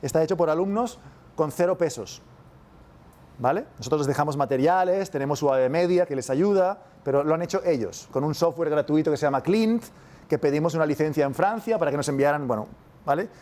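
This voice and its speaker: In a casual university masterclass, a man from Spain speaks with a Spanish accent, a little fast, in a voice that's slightly high and a bit mellow. He keeps checking with his listeners by asking "¿vale?".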